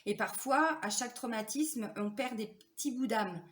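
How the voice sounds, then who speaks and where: A woman's voice: fairly high pitch, moderate pace, slight background noise. A woman working as a spiritual therapist, talking casually and confidingly to her viewers, full of fillers and tag questions. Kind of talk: casual talk to camera viewers.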